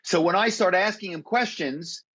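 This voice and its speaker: This former corporate spy has a high-sitting, bright voice with a forceful tone and a breathy edge, and he speaks at a moderate pace. Appearing as a guest in a conversational interview, he explains how phone tricks coax information out of people, drawing on phone-call anecdotes.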